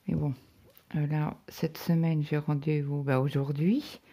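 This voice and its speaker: A woman's voice: low voice, level tone, a little slow, mellow. A middle-aged woman vlogger telling a rambling story in casual chat, filling her sentences with hesitant "euh"s. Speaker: craft vlogger.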